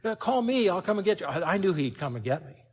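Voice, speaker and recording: An older man preaching a sermon, telling a personal story with lively swings in loudness. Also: sits high, fast.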